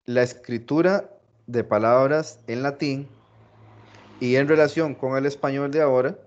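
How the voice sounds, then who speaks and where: A man teaching a philology class, explaining slowly, repeating phrases and stressing example words. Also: medium pitch, dull audio. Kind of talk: recorded class lecture.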